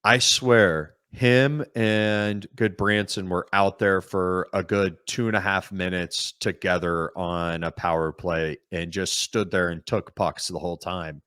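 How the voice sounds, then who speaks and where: A man co-hosting a sports podcast, talking casually and at length in a calm, explaining way. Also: low voice, a little slow, few pauses, clear, resonant tone, no room sound, studio quality. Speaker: podcast co-host.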